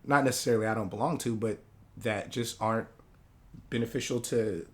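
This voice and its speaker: A man's voice: on the low side, brisk. Rambling man from Hawaii chatting. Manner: relaxed, rambling, many fillers. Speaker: guest artist. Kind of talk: casual interview chat.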